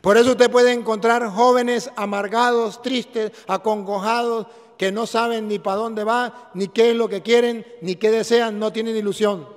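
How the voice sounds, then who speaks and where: Male priest, fiery folksy sermon with repeated question-and-answer lines; high voice, long hall reverb. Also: steady tone, measured pace, hardly any pauses. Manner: emphatic, repetitive questions and answers, folksy storytelling.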